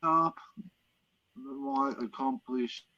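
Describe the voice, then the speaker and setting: A man joining a live stream over a bad call connection that breaks up and sounds quiet, talking in a hesitant, halting way with fillers. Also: mid-range voice, sing-song, gravelly, no room sound. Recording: dull, lo-fi remote call audio.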